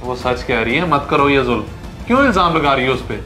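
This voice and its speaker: An actor playing a kind, fair-minded rich master who calmly reasons with his wife. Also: medium pitch, fairly quick, soft background music. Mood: protesting. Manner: calm, reasoning. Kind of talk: amateur drama acting.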